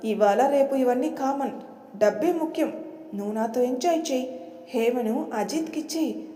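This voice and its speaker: A woman's voice: high-pitched, moderate pace, mellow, lightly acted. A woman voicing a manipulative, taunting young woman who blackmails others in an audio story. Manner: taunting, breezy. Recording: echoey room with long reverb.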